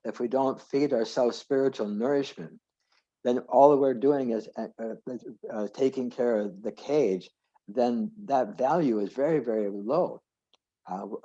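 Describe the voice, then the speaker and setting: A man's voice: medium pitch, mellow. A man giving an informal scripture class over a video call, rambling and correcting himself as he goes. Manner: rambling, self-correcting, digressive. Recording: dull lo-fi video call audio.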